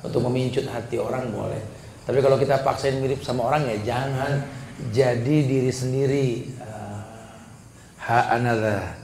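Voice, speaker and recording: Male preacher, gravelly, humorous and conversational, echoey room with faint noise. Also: mid-range voice, steady tone, moderate pace, darkish tone. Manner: humorous, conversational, mimics voices to make points. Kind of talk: sermon.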